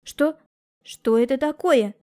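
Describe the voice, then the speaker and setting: A woman voicing a businessman's anxious, hostile wife, with sharp, suspicious questions in an audiobook. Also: sits high, moderate pace, close to an everyday voice. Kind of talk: audiobook character reading.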